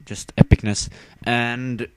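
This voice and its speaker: A man's voice: medium pitch, flat delivery, takes it slowly, clear, resonant tone, no echo. A tired young man casually commenting on his own game battle, rambling with fillers and giggling at himself. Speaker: gamer narrating his battle.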